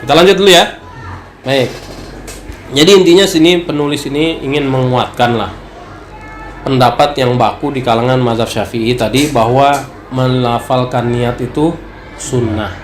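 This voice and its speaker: Relaxed, chatty ustaz in an echoey room. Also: male voice, mid-range voice. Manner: relaxed, conversational, acts out questions from worshippers. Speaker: ustaz teaching Islamic law. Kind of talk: religious study talk. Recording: echoey room with some noise.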